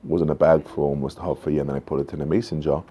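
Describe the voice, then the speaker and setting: Very low male voice, mellow, casual reviewer chat, unhurried and musing, faint background noise. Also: little pitch movement, slightly rough. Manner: unhurried, musing, pausing often. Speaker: pipe tobacco reviewer. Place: covered porch outdoors at night. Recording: noisy home-made outdoor recording.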